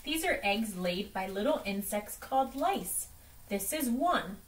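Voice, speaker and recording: Reading a children's storybook in an expressive, unhurried and natural medium-pitched voice, a woman plays a stern, exasperated know-it-all dog doctor who emphatically lectures his patients. The mood is instructive, and a distant microphone picks her up in a room.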